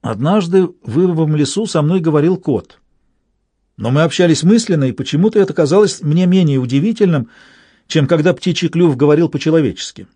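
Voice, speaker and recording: A man reading a story aloud in measured, scripted narration. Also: on the high side, lively intonation, mellow, breathy edge, no room sound. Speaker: audiobook reader.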